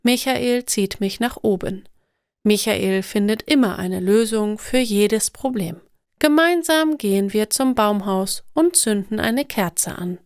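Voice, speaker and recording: A woman narrating stories for language learners in a slow, clear, deliberate scripted reading. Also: medium pitch, dry recording, clean studio sound.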